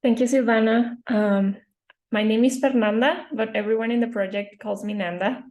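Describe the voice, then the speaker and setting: A woman's voice: on the high side, steady tone, normal speed, darkish tone. A woman from Venezuela introducing herself as a networks manager on a video call.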